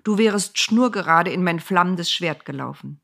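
Lady doing a stern angel guy, calm, not impressed. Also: lowish voice, normal speed, creaky, heavily acted. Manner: stern, unmoved.

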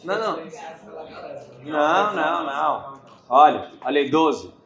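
A man teaching a casual Bible study class, reading verses aloud and adding joking asides and quick rhetorical questions. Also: on the high side, animated, a bit bright. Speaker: Torah teacher. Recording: echoey room, dull lo-fi sound, faint hiss.

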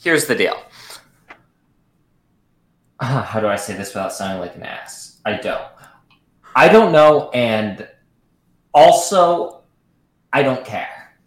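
A player voicing an indifferent male school teacher who drawls slowly and waves people off. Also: medium pitch, expressive, reverberant, slight background noise, pitched below the performer's own voice. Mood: dismissive. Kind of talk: tabletop role-play character voice.

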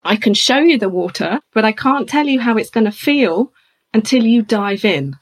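A middle-aged woman, a coach and speaker, telling a personal story in an animated conversational way. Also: on the high side, normal speed. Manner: animated, acts out other people's voices in her anecdotes.

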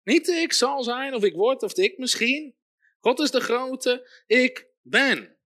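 Male preacher, high pitch, very animated delivery, emphatic and repetitive, calls out amens. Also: measured pace. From Netherlands. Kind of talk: sermon.

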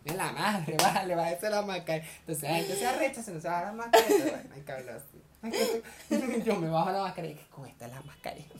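A woman with a Venezuelan accent chatting casually, animated and often laughing as she acts out little scenes. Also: on the low side, fast talker, hardly any pauses, crowd noise. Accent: Venezuelan Spanish. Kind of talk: casual chat.

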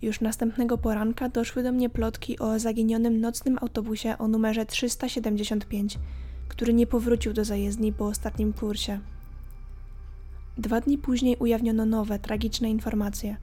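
Dark-toned woman narrating horror. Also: on the high side. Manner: calm, measured storytelling. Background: faint background music.

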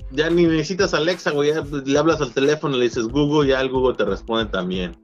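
A man's voice: on the high side, fast talker. A young man with a Chicano Mexican-American accent chatting casually in slangy, profane Spanglish-sprinkled speech, telling anecdotes. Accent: Chicano Mexican-American Spanish. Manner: slangy, profane, mixes in English words. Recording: dull lo-fi sound, faint music behind.

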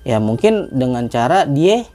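A woman's voice: extremely low pitch, very animated, unhurried, dark tone. A woman telling a spooky story as a podcast guest, in slangy casual talk that acts out the voices of the people in it. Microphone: podcast microphone.

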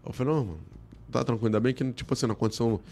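This celebrity look-alike and comedy performer, a man with a Brazilian Portuguese accent from Rio, races through slangy anecdotes as an interview guest. His medium-pitched voice carries vocal fry, and the casual storytelling stays animated throughout.

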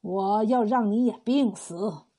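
Woman doing a slow, calm old healer. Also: mid-range voice. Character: kind wise old male village healer.

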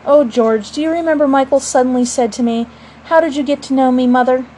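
A woman voicing a gentle, affectionate mother in a storybook, with a placid, tender, soothing manner. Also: high voice, fairly quick, slight background noise, lightly acted, low-quality recording. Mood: wistful.

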